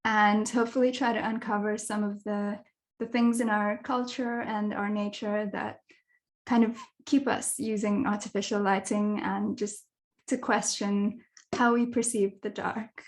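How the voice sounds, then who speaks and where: Young woman, from Kenya, online presentation, thoughtful, soft fillers, mid-pitched voice, video call mic. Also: flat delivery, measured pace. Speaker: dark sky advocate giving an online talk. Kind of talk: presentation talk.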